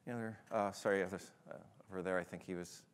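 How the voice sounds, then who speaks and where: This time the tech conference speaker sounds low-pitched and races along with fairly flat intonation. He answers questions from the audience casually, stumbling through fillers and restarts, while the big hall adds a long, echoing reverb.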